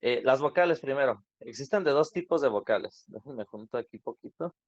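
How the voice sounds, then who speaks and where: A man teaches an online grammar class. He explains patiently at a middle pitch and stops to ask his students questions. The audio is dull and lo-fi, like a streamed lesson. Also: expressive, fairly quick.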